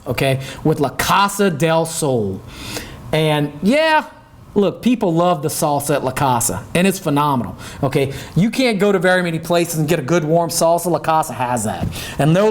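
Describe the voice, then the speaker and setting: Man, middle-aged, from south Louisiana, show host, casual talk, folksy, emphatic, fairly high voice. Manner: folksy, emphatic, peppered with "okay?" and "right?". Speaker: podcast host. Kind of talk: casual chat.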